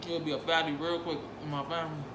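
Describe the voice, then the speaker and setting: A man's voice: a little high, level tone, fast talker. A man talking casually and informally as he reviews food, eating and savoring as he goes. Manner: informal, savoring with frequent appreciative mm sounds. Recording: roomy, echoey, clearly noisy home recording.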